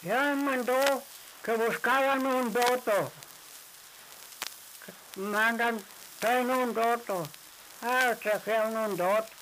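A man telling a folk tale aloud, rambling and halting, repeating his phrases. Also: very high voice, noisy background. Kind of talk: oral folk tale storytelling.

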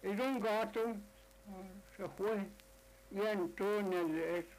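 A man's voice: high voice, slow pace, slight background noise, low-quality recording. A man telling a folk tale aloud in a repetitive, oral storytelling manner. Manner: repetitive, full of "dice" and "le dijo".

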